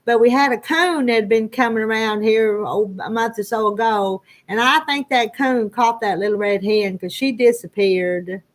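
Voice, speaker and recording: Speaking at a normal speed with few pauses, a woman in her sixties uses a fairly high-pitched voice. As a livestream host from the Arkansas Ozarks foothills, she rambles casually to viewers in a homespun, folksy style with a rural Southern Ozark country accent.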